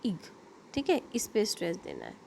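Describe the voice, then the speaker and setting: A woman's voice: a little high, a little slow, darkish tone, slight background noise. An Indian woman teaching an online linguistics lecture, explaining terms with frequent fillers, self-corrections and checks like "okay?".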